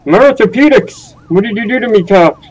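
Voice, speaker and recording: Guy doing a grumpy ninety year old grandpa voice in a video game, kinda high and nagging at the young folks. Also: expressive, brisk, low-quality recording. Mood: outraged. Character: cranky stereotypical old man, about ninety. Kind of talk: in-game role-play.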